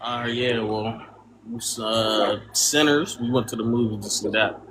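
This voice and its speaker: A man's voice: lowish voice, steady tone, a little slow, noisy background. Male podcast co-host, easygoing rambler who keeps checking in with his partner. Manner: rambling slangy talk, frequent fillers and tag questions. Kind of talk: casual podcast chat.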